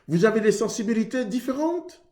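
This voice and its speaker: A man's voice: very high-pitched, lively intonation, fairly quick, darkish tone, roomy sound. A man from Haiti preaching earnestly on marriage, in a conversational way that acts out both sides of a couple's exchange. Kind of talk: sermon on marriage.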